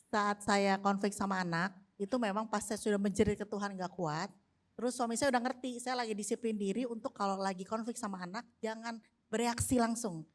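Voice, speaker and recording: A woman in her thirties with an Indonesian accent, telling a family story in a church service, animated and laughing often as she acts out what was said. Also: medium pitch, normal speed. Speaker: church speaker sharing testimony. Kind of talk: casual testimony in a church service.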